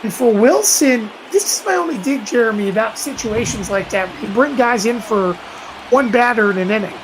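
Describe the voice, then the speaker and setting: A woman's voice: on the high side, animated, normal speed, noisy background. A woman doing emphatic, conversational play-by-play baseball commentary on a live stream.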